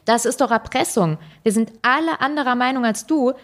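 A woman's voice: on the high side, fairly quick, voice pushed up, natural voice. A woman voicing a mocking, accusing woman in a talk-show audience.

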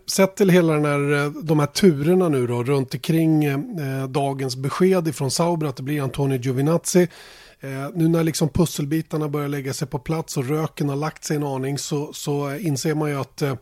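A man's voice: on the high side, darkish tone, no room sound, clean studio sound. A Swedish man hosting a casual motorsport podcast, thinking aloud with many fillers and restarts. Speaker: podcast host.

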